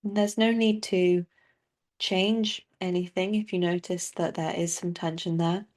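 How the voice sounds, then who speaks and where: A female meditation teacher leads a body scan in a fairly low, steady voice. Her speech is soft and calming, broken by long, relaxed pauses.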